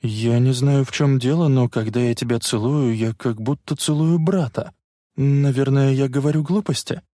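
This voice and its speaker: A man reading aloud voices a timid young woman in a raised, soft voice. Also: medium pitch, normal speed, dry recording, clean studio sound, voice pushed up, close to an everyday voice. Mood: unsure.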